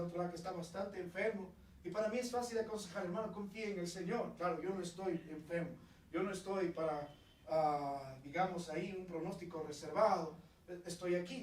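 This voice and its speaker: A pastor from Peru preaching a fervent expository sermon, swinging from loud calls to quiet asides. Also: male voice, sits high. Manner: impassioned preaching, rising to fervent calls, dropping to soft asides. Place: church sanctuary. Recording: echoey church from a distance.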